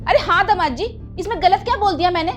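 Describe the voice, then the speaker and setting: A woman's voice: high voice, lively intonation, a little fast, soft background music. A woman playing a scolding, scheming mother. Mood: defensive. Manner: scolding, taunting. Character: scheming meddlesome middle-aged mother, sharp-tongued. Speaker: mother-in-law character. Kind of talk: family drama acting.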